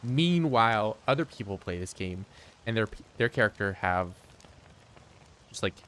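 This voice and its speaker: A man's voice: on the low side, animated, measured pace, a bit bright. A man giving casual live-stream commentary while he plays, joking dryly and answering his chat aloud. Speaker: game streamer.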